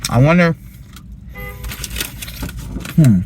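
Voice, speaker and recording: A man chats casually to his viewers as he reviews food, chewing through his words and humming over bites. His pace is slow, with an animated, swinging pitch. Faint vehicle noise sits behind him. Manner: chewing and talking with mouth full between bites; savoring hums and mm sounds.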